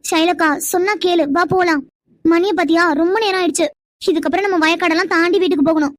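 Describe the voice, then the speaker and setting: A woman voicing a sassy, sharp-tongued young elder sister with quick retorts in a cartoon. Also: sits high. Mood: urging. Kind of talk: cartoon voice acting.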